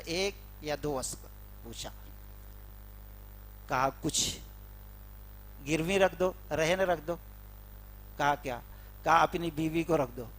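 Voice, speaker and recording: Preaching a sermon in a mosque, a man with a fairly high voice retells a story dramatically, voicing the dialogue and building to loud, emphatic peaks.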